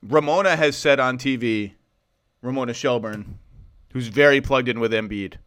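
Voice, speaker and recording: A man's voice: mid-range voice, normal speed, smooth, no room sound, clean studio sound. Tired, rambling male podcast host. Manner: animated, rambling, asks long questions. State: tired, short on sleep. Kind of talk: casual basketball podcast talk.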